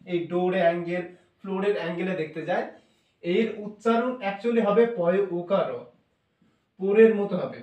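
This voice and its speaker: High-voiced man teaching in an echoey room. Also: a little mellow, far from the mic. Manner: repeats points, checks in with "okay". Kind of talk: spoken English phonics lesson. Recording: roomy echo, voice off-mic.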